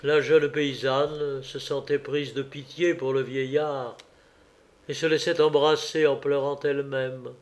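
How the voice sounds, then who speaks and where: A man reading a folk tale aloud in a measured, even way. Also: mid-range voice. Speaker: narrator. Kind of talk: storybook reading.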